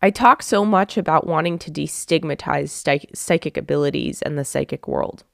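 A woman's voice: low-pitched, moderate pace, gravelly, fairly bright tone, no echo, studio quality. A woman hosting her own podcast, speaking earnestly and from the heart straight to her listeners. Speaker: podcast host. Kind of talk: reflective solo podcast talk.

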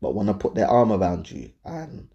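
His voice sits on the low side, warm and creaky with a sing-song lilt at a moderate pace, and the recording has its highs cut off. This man with a London accent hosts dating and lifestyle advice, chatting slangily with viewers and often checking they follow him.

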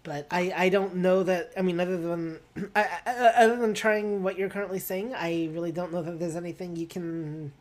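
A woman's voice: on the low side, fairly even intonation, moderate pace, darkish tone. A woman gives her opinion in a casual group discussion, talking in a candid, rambling way. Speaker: participant giving opinions.

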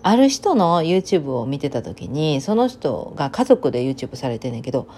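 Animated Kansai woman, mellow low voice. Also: normal speed, slight background noise. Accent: Kansai, Banshu dialect. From Kansai region of Japan. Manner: lively chatty storytelling with dialect outbursts. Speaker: vlogger. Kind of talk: casual monologue.

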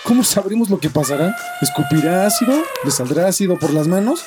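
A man's voice: sits high, sing-song, brisk, noisy background. A man acting a stressed, stubborn zoo owner in an audio drama, earnest and exasperated. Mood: alarmed, exasperated.

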